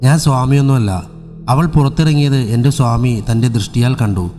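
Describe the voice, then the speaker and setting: A stern servant of a holy sorcerer , voiced by the narrator in a lower register, scolds with grave authority. The voice sits deep, dark and mellow. Faint music lingers behind the horror tale. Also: male voice, moderate pace, long reverb tail, natural voice. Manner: stern, reproachful.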